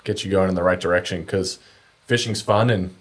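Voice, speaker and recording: A man's voice: low voice, steady tone, fairly quick. A man chatting casually and telling anecdotes in laid-back, slangy talk as a podcast guest. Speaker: podcast guest, kayak angler.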